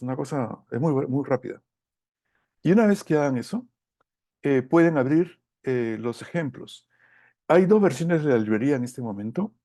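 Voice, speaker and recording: A middle-aged man giving a technical lecture from slides, speaking haltingly as he searches for his words. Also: medium pitch, creaky, warm tone, no room sound, studio quality. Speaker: course lecturer.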